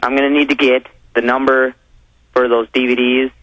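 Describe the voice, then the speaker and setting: A man's voice: mid-range voice, little pitch movement, moderate pace, a bit bright, no room sound. A young American man in his teens, a phone-in guest giving earnest political talk over the telephone. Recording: dull, dry telephone line.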